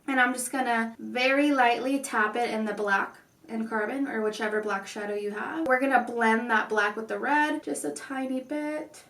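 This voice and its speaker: High-voiced woman tutorial host in echoey room. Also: a bit bright. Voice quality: slightly odd, constrained articulation. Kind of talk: casual tutorial talk. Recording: echoey room, distant mic.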